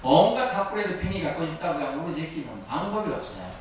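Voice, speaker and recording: In the echoey hall of a church sanctuary, caught on a distant mic with faint noise, a middle-aged man preaches a sermon. His voice is fairly high, quick and sing-song, and he keeps asking the congregation questions only to answer them himself.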